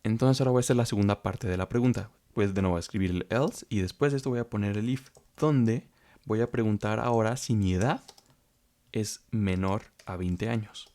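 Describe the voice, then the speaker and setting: A programming instructor with a lowish, warm voice talks a little fast in a screen-recorded coding tutorial. He walks through the code step by step, repeating phrases and using frequent fillers.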